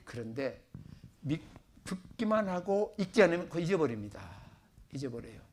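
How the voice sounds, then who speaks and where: A middle-aged man from Korea, a pastor giving a chatty sermon, joking about himself and then pressing his points with loud bursts. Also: a little high, big pitch swings, normal speed. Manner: chatty, self-joking preacher with sudden loud emphasis. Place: church sanctuary.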